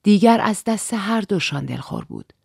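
A woman narrating a novel in a measured, even reading voice. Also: medium pitch, creaky, slightly rough, dry recording, clean studio sound. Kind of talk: scripted audiobook narration.

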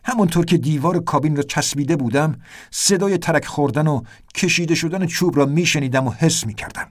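راوی مرد کتاب صوتی با صدای نسبتاً زیر. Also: male voice, a little high. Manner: tense, vivid storytelling. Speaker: narrator. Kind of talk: dramatic audiobook narration.

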